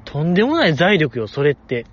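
A man with a Kansai accent, hosting a casual chat and reading listener messages, talking in excitable, exaggerated bursts. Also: on the high side, fairly quick, highs cut off.

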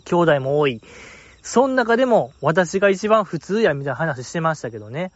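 Man, Kansai accent, podcast host, casual playful chat, lively up-and-down voice, fairly high pitch, dull dry lo-fi sound. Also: moderate pace, no room sound. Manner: lively, playful commentary with frequent laughs. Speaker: podcast host reading listener mail.

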